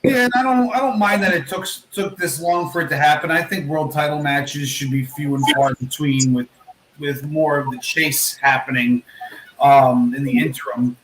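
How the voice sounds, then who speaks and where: A man's voice: on the high side, moderate pace, fairly bright tone, echoey room, a little hiss or hum, low-quality recording. A man giving casual wrestling analysis as a podcast commentator.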